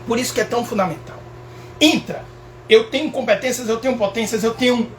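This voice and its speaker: A Brazilian man with a Brazilian Portuguese accent, a professor giving a casual motivational talk in an animated, emphatic way, repeating phrases and checking in with his listeners. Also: sits high, slight background noise. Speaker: professor and speaker.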